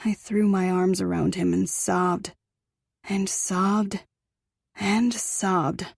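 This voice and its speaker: A woman's voice: medium pitch, fairly even intonation, drawn-out words, gravelly, no room sound, studio quality. A woman narrating a first-person romance audiobook in an intimate, emotional reading.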